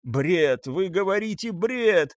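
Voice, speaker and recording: A man's voice: high voice, lively intonation, slow, no echo, studio quality, pitched above the performer's own voice. A man playing an agitated, defensive man brushing off accusations. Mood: indignant. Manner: indignant, flustered.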